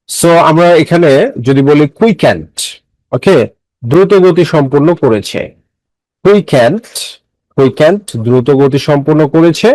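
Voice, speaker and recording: A man's voice: medium pitch, darkish tone, no echo, poor audio. A man teaching English grammar, explaining step by step, repeating phrases and quizzing his students, mixing English words into his talk. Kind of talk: classroom lecture.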